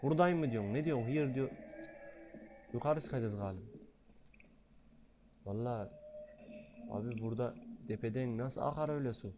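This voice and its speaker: Excitable swearing man narrating gameplay. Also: mid-range voice, moderate pace, long pauses, noisy background. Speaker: gamer. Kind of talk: let's-play gaming commentary.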